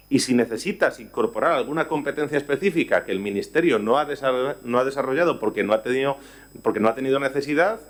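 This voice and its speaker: Man explaining a school curriculum. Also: medium pitch. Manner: explanatory, frequent "¿vale?" checks and self-corrections. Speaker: education ministry presenter. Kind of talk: live curriculum training talk.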